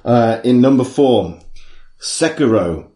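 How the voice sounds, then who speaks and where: A man co-hosting a podcast, reading out a list with jokes, swearing and frequent laughter, a little hoarse. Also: mid-range voice, lively intonation, slow pace, mellow. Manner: jokey, swearing, laughing often. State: losing his voice. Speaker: podcast co-host. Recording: roomy echo.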